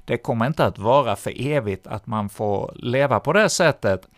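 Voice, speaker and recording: A man's voice: mid-range voice, lively intonation, no echo. Guy hosting a morning devotional on the radio, dry sound, lots of ums. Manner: hesitant, with frequent fillers.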